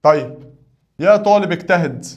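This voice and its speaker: A man's voice: sits high, expressive, moderate pace, lo-fi sound, soft background music. Egyptian man drilling grammar questions. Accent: Egyptian Arabic. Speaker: Arabic teacher.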